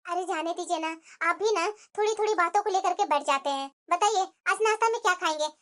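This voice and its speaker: A woman voicing a soft-spoken, meek mother-in-law in a cartoon, who soothes and calms everyone. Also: very high voice, fast talker, pitched below the performer's own voice. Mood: soothing. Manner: soothing, placating. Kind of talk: cartoon voice acting.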